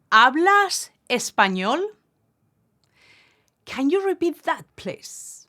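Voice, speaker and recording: A woman Spanish teacher giving a language lesson, repeating each phrase slowly and clearly. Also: on the high side, bright, forceful tone. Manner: slow, carefully enunciated repetition of phrases.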